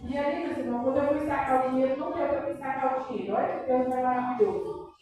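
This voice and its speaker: A middle-aged Brazilian woman tells her testimony with fervent emotion and often breaks in with praise. Her voice is high but mellow. It rings through a very echoey church hall, heard from a distance. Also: steady tone, fast talker, faint music behind. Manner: emotional, peppered with praise interjections. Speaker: church member giving testimony.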